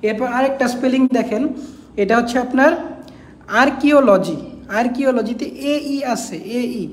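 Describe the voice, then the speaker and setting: A woman with a somewhat high voice teaches an exam-prep English class. She spells each word out letter by letter and repeats the main points for her students. The room around her sounds echoey and roomy. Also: normal speed.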